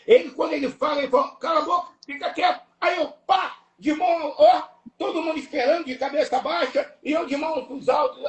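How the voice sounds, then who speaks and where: A man with a Brazilian Portuguese accent preaching an impassioned sermon, emphatic and repetitive, breaking into shouts. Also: very high voice. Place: church or live stream hall. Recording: echoey room, voice from far off.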